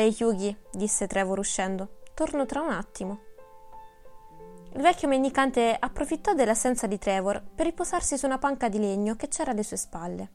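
A woman narrates a storybook with steady, measured pacing. Her voice sits fairly high for a woman, and soft music plays faintly underneath the reading. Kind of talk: audiobook narration.

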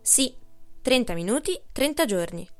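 A woman's voice: high-pitched, very animated, measured pace, no room sound, faint music behind, voice pushed up. Weary dutiful lamplighter man, read by a woman. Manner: resigned, plain.

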